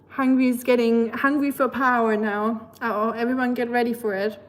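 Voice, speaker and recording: A young woman hosts a livestream in a German accent, her voice a little high and flat at a moderate pace. She reads viewer messages aloud, chatting casually, laughing often, and making playful asides.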